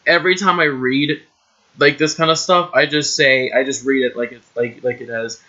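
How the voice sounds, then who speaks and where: A man's voice: mid-range voice, fairly even intonation, moderate pace, bright, forceful tone. Cringing young man reading his old story. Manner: exasperated asides, cringing and swearing. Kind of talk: reading aloud with commentary. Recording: dull lo-fi recording.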